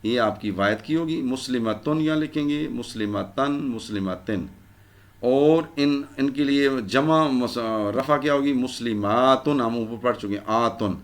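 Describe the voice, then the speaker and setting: Man, grammar teacher, recorded lesson, mid pitch, repeats endings, answers own questions. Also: hardly any pauses. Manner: repetitive drilling of word endings, asks and answers own questions.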